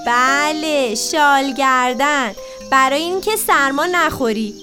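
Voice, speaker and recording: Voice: high-pitched, pushed and bright. A woman voicing a loving mother elephant in a children's story, speaking in a tender, reassuring way over background music.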